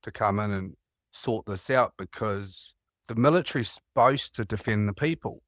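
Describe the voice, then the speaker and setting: Rambling New Zealand-accented man, low voice. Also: moderate pace, a bit bright, dry recording, clean studio sound. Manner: rambling, anecdotal storytelling with laughs. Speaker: caller. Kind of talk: casual phone chat.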